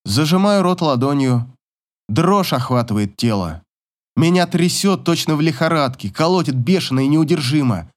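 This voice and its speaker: A man narrating a first-person story in a steady, measured reading voice. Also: fairly high pitch. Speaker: audiobook reader.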